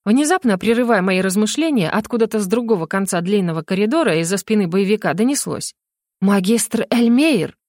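A woman narrating a first-person fantasy audiobook. Her reading is lively and ironic, in a mid-range voice. The sound is dry and close. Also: mid-range voice, quick pace, hardly any pauses, dry recording.

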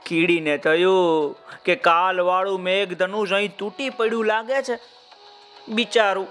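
Slow, sing-song male children's storyteller. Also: high voice, fairly even intonation, faint music behind. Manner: warm, sing-song, addresses listeners directly.

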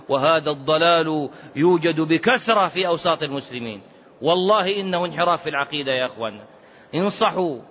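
Preacher, male, high bright voice, emphatic delivery, long hall echo. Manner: emphatic, mimics chanting mockingly. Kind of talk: fatwa sermon. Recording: muffled recording with long hall reverb.

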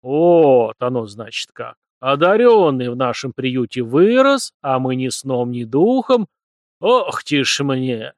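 A stern old village priest, voiced by a man booms his rebukes in slow, drawn-out exclamations. The voice sits a touch above his usual pitch, heavy with reproach. The audiobook sound is dry and close. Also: sing-song, no echo. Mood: coaxing.

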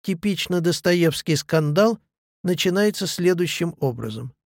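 A man reading a literature lecture aloud in a measured, analytical way. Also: sits high, lively intonation, no echo, studio quality.

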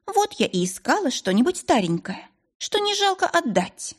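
A woman's voice: sits high, big pitch swings, moderate pace, pitched above the performer's own voice. A woman reading an audiobook, voicing a stern, blunt older housemaid who grumbles. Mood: grumbling.

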